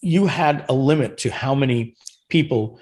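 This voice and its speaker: A man's voice: mid-range voice, normal speed, a little mellow. A man as a podcast guest, earnestly explaining sales and marketing in casual chat. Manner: earnest explaining, many restarts and fillers.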